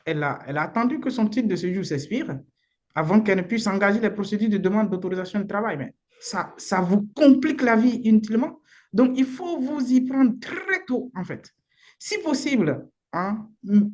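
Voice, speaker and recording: A woman's voice: mid-range voice, a little mellow, muffled recording. A woman lawyer with a Beninese accent gives informal, frank advice in a live online session, using the odd blunt slang word. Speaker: immigration lawyer.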